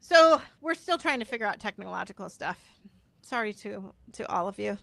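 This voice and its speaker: A woman's voice: medium pitch, expressive, moderate pace, gravelly, a bit bright, no room sound. A woman podcast host chatting casually on a live stream, informal and apologetic, thinking aloud as she goes.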